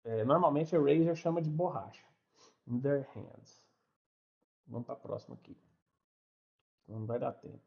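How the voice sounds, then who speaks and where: A man's voice: mid-range voice, a little fast, vocal fry, long pauses, highs cut off. A man teaching an online English class, explaining step by step in a chatty way and checking in with his students.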